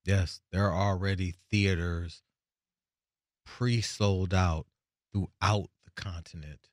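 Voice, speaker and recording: Man, very deep voice, slow and emphatic, dry sound. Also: fairly even intonation, no echo. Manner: emphatic, with many fillers and interjections. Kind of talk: casual podcast discussion.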